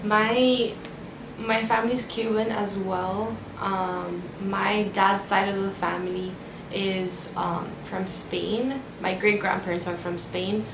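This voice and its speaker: A woman's voice: medium pitch, steady tone, slow, vocal fry. A woman of twenty from Miami, chatting casually with viewers as a vlogger, filling her talk with "like". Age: 20s. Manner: chatty, uses "like" a lot. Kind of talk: casual chat to camera. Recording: echoey room with background noise.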